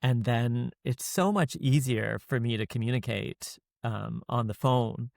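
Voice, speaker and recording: A man hosting a podcast, speaking in a measured way and laying out his ideas step by step. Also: mid-range voice, creaky, a little mellow, no room sound, studio quality. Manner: measured, explains in orderly steps. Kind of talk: casual conversation.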